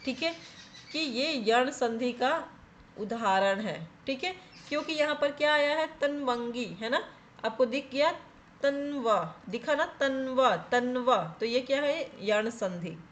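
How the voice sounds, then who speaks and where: A woman's voice: high voice, slow pace, slight background noise. A woman teaching a grammar lesson for exam preparation, explaining step by step and checking in with viewers as she goes. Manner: explains step by step, often asks and answers her own questions; repeats "theek hai" to check in with viewers.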